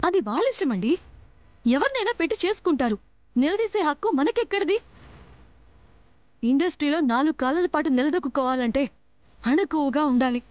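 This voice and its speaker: A woman's voice: sits high, expressive, a little fast, long pauses, dry recording, dull audio. An actress playing an ambitious young model who scolds her husband and begs a director for forgiveness. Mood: scolding. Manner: pleading, scolding. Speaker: aspiring model. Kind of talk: TV serial acting.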